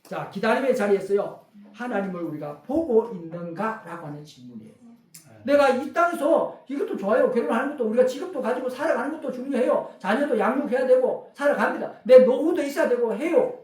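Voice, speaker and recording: A man's voice: very high voice, animated, fairly quick, a little mellow. A man preaching a sermon as pastor with a Gyeongsang Korean accent, speaking emphatically and often addressing the congregation. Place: church sanctuary. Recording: roomy echo, from far off the mic.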